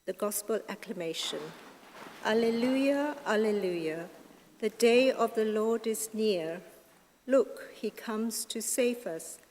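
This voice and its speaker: A woman slowly reading scripture and leading responses at Mass, in a long cathedral echo. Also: fairly high pitch, animated, darkish tone, slight background noise. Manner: slow, measured reading. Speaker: reader at Mass. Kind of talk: liturgical reading and psalm responses. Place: large church. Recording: echoey church from far off.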